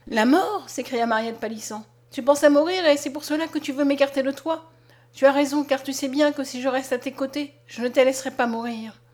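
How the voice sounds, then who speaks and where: Tearful, pleading young peasant girl for a storybook reading, as a woman reads her; high, ringing voice. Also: level tone, fairly quick, a little mellow, natural voice. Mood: anguished. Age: young adult. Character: devoted nineteen-year-old peasant girl, passionate. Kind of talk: audiobook character reading.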